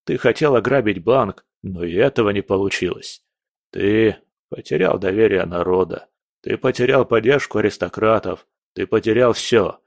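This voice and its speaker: A tired, reproachful count with a low and resigned delivery, played by a man in an audiobook. The voice sits deep and the recording is dry. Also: normal speed, vocal fry, no echo.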